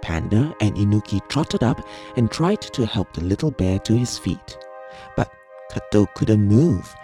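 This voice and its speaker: A woman storyteller reading a children's story aloud in an expressive, cozy way. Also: rumbling low, unhurried. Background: music.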